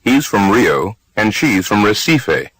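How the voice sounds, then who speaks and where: Male course reader, deep-ish, animated intonation, careful delivery, dry booth. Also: slow, no echo, poor audio. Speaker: speaker B in language drills. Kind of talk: recorded language-course dialogue.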